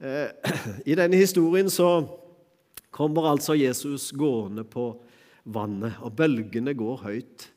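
A man's voice: mid-range voice, darkish tone, in a large hall. A middle-aged man preaching a sermon in a church, talking in a conversational way with fillers and small chuckles.

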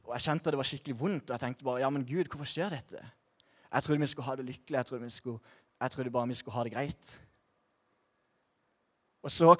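A man's voice: medium pitch, a bit bright, big-room sound. A young man sharing a personal faith testimony in a candid, slangy way, with frequent restarts.

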